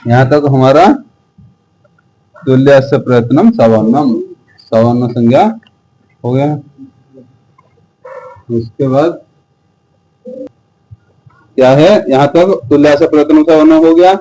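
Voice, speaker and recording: A man teaching Sanskrit grammar slowly, asking the class questions again and again and drilling sounds aloud. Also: medium pitch, fairly even intonation, dark tone, rough recording. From India. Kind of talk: slow repetitive teaching.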